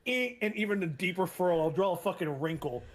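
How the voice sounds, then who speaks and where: A player in a tabletop game, chatting casually in a loud, profane, animated way. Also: mid-range voice, fast. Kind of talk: casual chat.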